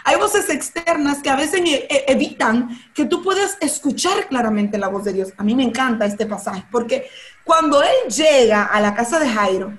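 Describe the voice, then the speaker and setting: Fervent high-voiced woman preaching. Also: lively intonation, moderate pace. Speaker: guest speaker.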